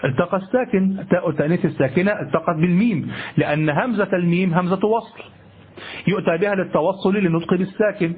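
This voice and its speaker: Man, grammar teacher, raspy breathy voice, muffled lo-fi recording, checks in with students. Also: sits high. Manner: repeats key phrases slowly, checks students with "ha?" and "naam". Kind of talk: classroom lesson.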